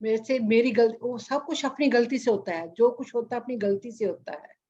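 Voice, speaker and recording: A woman meditation teacher on an online group call, gently reassuring participants and repeating her phrases. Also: on the high side, normal speed, slightly rough, lo-fi sound. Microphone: video call.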